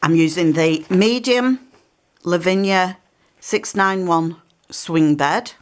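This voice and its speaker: At her table, a woman demonstrates a craft step by step, chatting easily and explaining as she works, an occasional cough betraying her slight cold. Her voice is on the low side and her pace slow. She's filmed by an overhead camera showing her hands.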